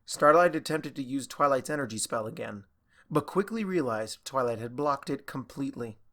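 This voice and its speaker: A man narrating a fan fiction audiobook in a steady, even storytelling manner. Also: mid-range voice.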